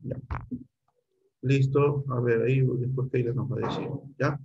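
A man's voice: medium pitch, fairly even intonation, measured pace, highs cut off, a little hiss or hum. A middle-aged man teaching a computer class online, guiding students step by step and checking in often.

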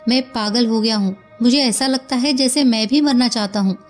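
A woman voicing a grief-stricken, volatile male professor who shouts through tears. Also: normal speed, soft background music, natural voice. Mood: distraught. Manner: shouting, tearful, raised pitch.

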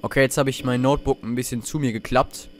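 A man's voice: medium pitch, steady tone, fast, a little hiss or hum. A young man commenting on a horror video game as he plays, talking to himself, swearing and getting jumpy. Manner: jumpy, swears, talks to himself under his breath. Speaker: let's play host.

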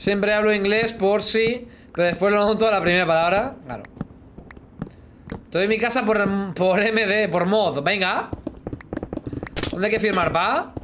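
This is casual live gaming chat from a man in his thirties with a Spain Spanish accent, who jokes with viewers and hums sound effects as he plays. He has a high, fairly bright voice, a measured pace and frequent pauses. He's on a headset in a small room, and there's slight background noise.

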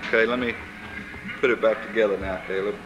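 A man's voice: on the low side, steady tone, fast talker, dull audio, music in the background. A man, chatting casually and explaining things step by step, heard through old camcorder audio. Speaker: family member filming home movies. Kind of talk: casual home video chatter. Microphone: built-in camcorder mic.

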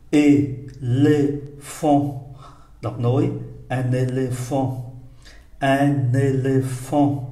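A man leads a vocabulary drill, saying each word several times and spelling out its sounds. He speaks at a very slow, deliberate pace in a dark, mellow tone. The recording sounds roomy, with a clear echo. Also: mid-range voice. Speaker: French teacher. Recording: echoey room.

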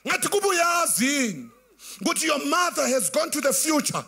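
High-pitched, fast South African preacher. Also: male voice, very animated, bright, forceful tone. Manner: impassioned, half-singing preaching mixing Zulu and English. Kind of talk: sermon. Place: large church tent with a congregation. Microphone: handheld microphone. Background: faint band music.

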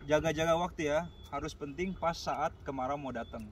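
A man in his thirties stands in an open field and explains his farming method in an animated way, going over key numbers again and again. His voice sits a little on the high side. He is picked up by a mic a few steps off, with a faint outdoor hiss behind him. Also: normal speed. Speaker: durian farm owner. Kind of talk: casual on-site explanation. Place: outdoors on a sunny farm field. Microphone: camera-mounted mic from a few steps away. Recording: distant outdoor mic with light background noise.

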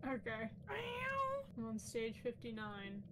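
A woman's voice: fairly high pitch, level tone, slow pace, slight background noise. A young woman chatting casually as she plays a game along with friends. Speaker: gamer playing along. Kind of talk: casual chat while gaming.

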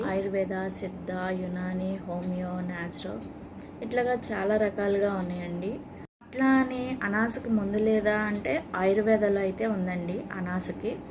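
A woman's voice: mid-range voice, background noise. A young woman, a mother, talking casually and earnestly to viewers, reassuring them and listing newborn-care tips one by one. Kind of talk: casual spoken vlog advice.

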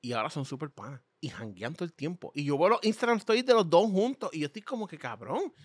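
A young man with a Puerto Rican Spanish accent, hosting a podcast in slangy casual chat and telling animated stories. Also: on the high side, fast talker, husky, dry recording, studio quality. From Puerto Rico. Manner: animated storytelling, slangy, acts out voices. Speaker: podcast host.

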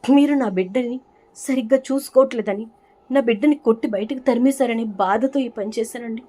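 A woman's voice: a little high, moderate pace, dark tone, pitched above the performer's own voice, natural voice. A woman voicing a pleading old grandmother. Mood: pleading, remorseful. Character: older grandmother confessing, tearful and remorseful.

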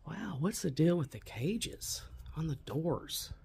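A man with a gravelly, creaky voice talks unhurriedly as he picks through a derelict house, often exclaiming in wonder. The sound comes from a handheld camera mic, with a faint hiss behind him. His pitch sits in a middle range. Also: big pitch swings, takes it slowly, darkish tone. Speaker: urban explorer vlogger. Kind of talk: walkthrough narration of an abandoned house.

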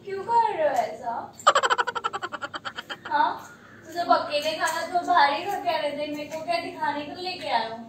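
A tearful, scolding woman with a very high voice, speaking far from the camera mic. The room is heavily echoey. Loud background noise runs under her crying. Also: expressive, moderate pace, pauses often. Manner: tearful, scolding, half-laughing. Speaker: wife being pranked. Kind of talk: casual argument on camera.

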